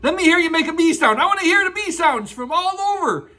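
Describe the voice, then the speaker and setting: A man's voice: extremely high pitch, lively intonation, fairly quick, pushed and bright. A man hosting a children's story time, reading aloud like a rambling, playful grandpa, drawing out and repeating words, with exclamations and sound effects. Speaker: children's storytelling show host. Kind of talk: animated read-aloud children's storytelling with asides to listeners.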